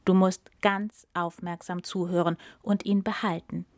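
A woman's voice: fairly low pitch, little pitch movement, unhurried, no room sound, clean studio sound. Stern lion king, read by a woman; grave, impatient, storybook tale.

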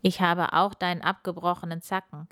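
A woman voicing Santa Claus, a kindly, wise old man who speaks gently admonishing and reassuring in a children's story. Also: lowish voice, little pitch movement, a little fast, no room sound, clean studio sound, close to an everyday voice. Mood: fatherly.

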